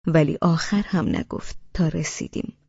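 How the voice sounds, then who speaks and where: A woman narrating a novel in the first person, with expressive storytelling. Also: low-pitched, creaky, breathy edge, dry recording, highs cut off. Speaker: audiobook narrator.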